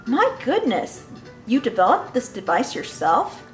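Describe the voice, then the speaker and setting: A woman's voice: fairly high pitch, wildly swooping pitch, a little slow, reverberant, soft background music. A woman voicing a chirpy female TV field reporter, reading in an announcer style. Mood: curious.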